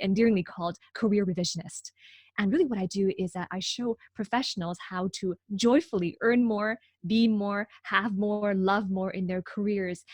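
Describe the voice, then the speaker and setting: A woman from Hong Kong, a guest on a video call interview, upbeat and quick to rephrase. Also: medium pitch, a little mellow, no room sound. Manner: upbeat, laughs often, rephrases.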